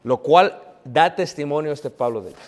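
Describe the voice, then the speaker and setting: A man's voice: a little high, animated, moderate pace, a little mellow, big-room sound. A man preaching a sermon in a church, asking his congregation questions, answering them himself, and calling them brothers.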